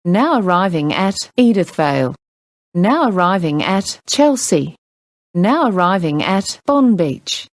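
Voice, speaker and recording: A woman reading scripted onboard train announcements in a measured, formal public-address manner. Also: on the low side, very animated, no room sound.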